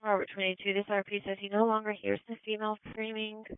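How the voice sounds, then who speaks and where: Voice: mid-range voice, flat delivery, fast, clear, resonant tone, no room sound. A police radio dispatcher giving clipped, procedural calls over the radio. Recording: narrowband, phone-like police scanner radio.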